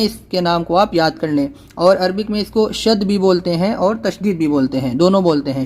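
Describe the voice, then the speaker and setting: A man teaching Quran reading step by step, patiently repeating letter spellings slowly and firmly. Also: sits high, darkish tone. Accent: Urdu. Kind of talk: step-by-step recitation lesson.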